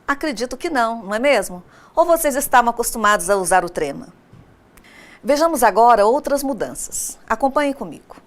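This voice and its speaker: A woman teacher giving a recorded online grammar lesson, speaking straight to her students and slowing down to spell out example words. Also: a little high, animated. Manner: didactic, addresses students directly.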